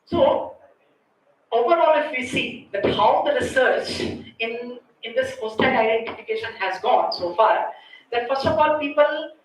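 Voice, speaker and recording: Speaking unhurriedly and with animation, a woman with a somewhat high voice and an Indian accent walks her conference audience through a technical topic one step at a time. She tends to finish points with tag questions such as "right?" and "okay." A faraway mic picks her up in a heavily echoing room with slight noise.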